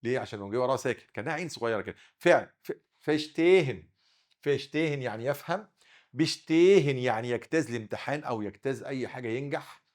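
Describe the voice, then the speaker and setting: A man with an Egyptian Arabic accent teaching a lesson, who drills pronunciation by repeating words with sharp stresses. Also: mid-range voice, very fast. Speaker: German teacher. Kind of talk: recorded classroom lesson.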